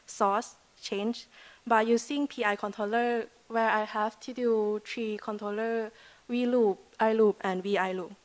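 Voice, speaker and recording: Young woman, Thai accent, fairly high voice, earnest, filler-heavy, podium mic in a lecture hall. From Thailand. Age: 20s. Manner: earnest, loose grammar, frequent "like" fillers. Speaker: exchange student presenter. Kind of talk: prepared presentation speech. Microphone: podium microphone.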